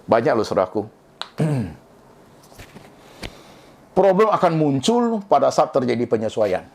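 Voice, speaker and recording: Lively man preaching a sermon. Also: mid-range voice, measured pace, creaky. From Indonesia. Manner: lively preaching, often addresses listeners as brothers and sisters; mixes English phrases into speech. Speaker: pastor.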